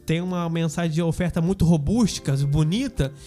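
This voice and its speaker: A man's voice: on the high side, brisk, warm tone, faint music behind. Slangy Brazilian man telling a story. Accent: Brazilian Portuguese. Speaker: podcast guest. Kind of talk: casual testimony chat.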